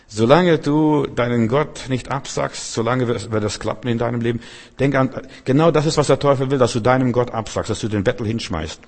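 Male preacher, lowish pitch, emphatic and repetitive; long hall reverb. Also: a little mellow. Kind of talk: sermon.

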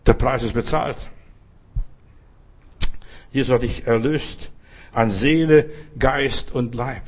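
Man, pastor, fervent sermon, talks to the listener directly, husky tone. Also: mid-range voice, slow pace.

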